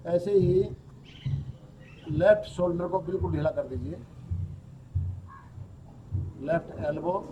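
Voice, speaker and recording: Male yoga teacher, calm guided relaxation, a touch higher voice, faint room noise. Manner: calm, slow instructions mixing Hindi with English words.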